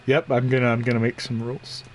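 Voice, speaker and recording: A man's voice: mid-range voice, little pitch movement, quick pace, a little hiss or hum. A man running a tabletop game as game master, chatty and often restarting his sentences. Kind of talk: casual tabletop game narration.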